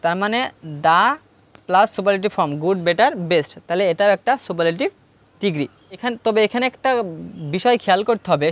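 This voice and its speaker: This man's voice is high and a little bright, with a Bangladeshi Bengali accent. Standing at a classroom board, he teaches English grammar step by step, asking his own questions, supplying the answers, and going over key points again to stress them.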